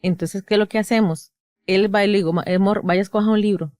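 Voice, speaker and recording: A woman in her thirties with a Costa Rican accent, a speech therapist chatting casually on a podcast and acting out lively quotes from her sessions. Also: medium pitch, fast, dry recording, clean studio sound. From Costa Rica. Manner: animated, acts out quotes from sessions.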